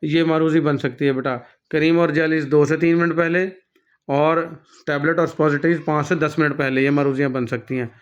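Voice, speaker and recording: Slow, steady man teaching a class. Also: on the high side, clean tone. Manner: reads English lines slowly then explains each, calls students "beta". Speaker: nursing course teacher. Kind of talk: lecture reading and explaining textbook. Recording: slightly dull lo-fi recording.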